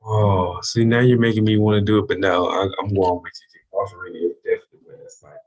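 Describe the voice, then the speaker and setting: Low-voiced, joking man on a podcast. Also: flat delivery, fast, a little mellow, poor audio. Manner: joking, playful, easygoing. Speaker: podcast co-host. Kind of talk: casual sports chat.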